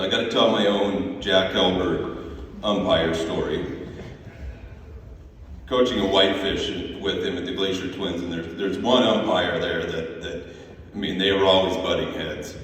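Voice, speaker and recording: A man's voice: sits low, moderate pace. A man from Montana giving a memorial tribute as a former assistant coach, telling anecdotes with chuckles and frequent restarts. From Montana, USA. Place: large echoey hall at a memorial service. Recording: echoey hall, voice from far off.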